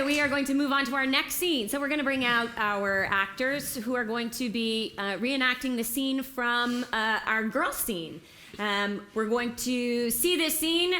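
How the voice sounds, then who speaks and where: A woman's voice: high-pitched, bright, forceful tone. A woman facilitating an interactive theatre show, introducing scenes and explaining the rules in an upbeat, instructive way. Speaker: workshop facilitator.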